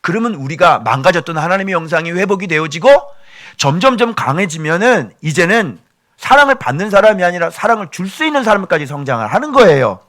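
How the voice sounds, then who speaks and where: A male pastor delivers a sermon with a bright, forceful tone and a lively, swooping pitch. His voice sits slightly higher than most men's. He keeps the congregation engaged with animated, joking asides. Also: quick pace.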